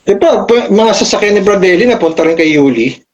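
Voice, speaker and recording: Isang lalaking bisita sa kaswal na kuwentuhan, sumasang-ayon at tinatawag na bro ang kausap. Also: male voice, high-pitched, animated, fairly quick. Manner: agreeable, calls the host bro. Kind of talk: casual chat. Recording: dull lo-fi line with faint noise.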